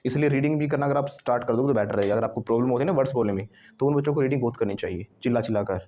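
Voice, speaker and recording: Animated man teaching a class. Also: mid-range voice, very fast. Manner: animated, drills words loudly, laughs often. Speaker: English teacher. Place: classroom with students.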